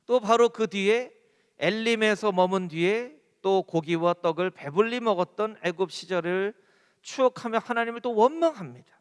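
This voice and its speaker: A male pastor preaching a sermon, animated and repeating key lines softly. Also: high voice, long reverb tail. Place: church sanctuary.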